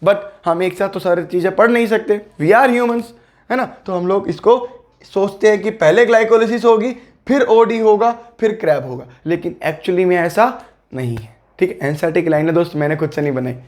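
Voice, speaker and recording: Young male biology tutor, high pitch, friendly, drills key words with questions. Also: normal speed. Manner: repeats key terms, asks and answers his own questions; friendly, coaxing. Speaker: biology teacher. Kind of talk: exam-prep lecture.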